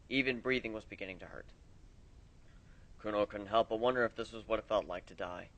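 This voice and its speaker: A man reading fan fiction aloud, expressive, his loudness rising and falling with the story. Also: fairly low pitch, rough recording.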